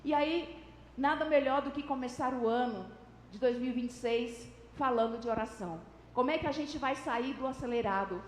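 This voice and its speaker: A woman's voice: high voice, moderate pace, a little hiss or hum. A woman preaching a sermon to a congregation, explaining scripture and acting out everyday examples with shifting intonation. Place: church hall. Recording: echoey church hall with long reverb.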